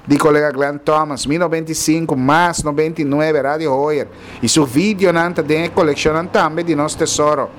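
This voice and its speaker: A chatty male host with a notably high voice runs through the day's news and events in a relaxed, casual way. He keeps the delivery lively and throws in quick exclamations between items. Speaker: show host.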